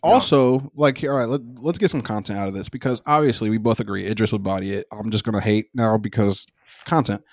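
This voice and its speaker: A young man co-hosting a casual chat show, loose and profane, opinionated and animated as he argues his points. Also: lowish voice, fairly quick, no room sound, studio quality. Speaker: podcast co-host.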